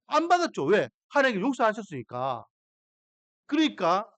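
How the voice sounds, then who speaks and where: A man's voice: high-pitched, a bit bright, dry recording. A man pastor preaching a sermon expressively, full of rhetorical questions to the congregation.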